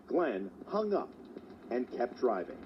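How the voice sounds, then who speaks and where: A man reporting as a news journalist, narrating a scripted story in a measured way. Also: medium pitch, very animated. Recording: dull lo-fi sound, faint hiss.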